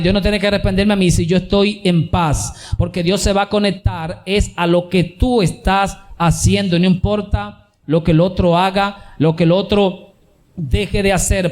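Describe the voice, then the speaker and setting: A man preaching a sermon as pastor, emphatic and repetitive, with rhetorical questions. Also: sits high.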